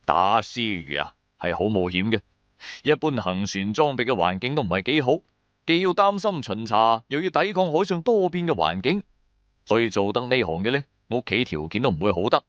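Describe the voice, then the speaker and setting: Lightly acted, a man narrates as a shrewd, wry trader telling his own adventures in sardonic, colloquial radio-drama fashion, being both narrator and lead. In a musing, storytelling mood, his mid-range voice swings widely in pitch at normal speed. The recording is muffled with no room sound.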